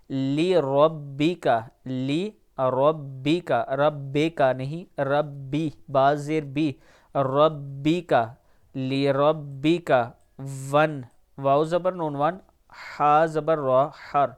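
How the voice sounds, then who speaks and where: A man teaching recitation word by word, drawing out each syllable slowly and then explaining mistakes quickly. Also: fairly high pitch, clean tone.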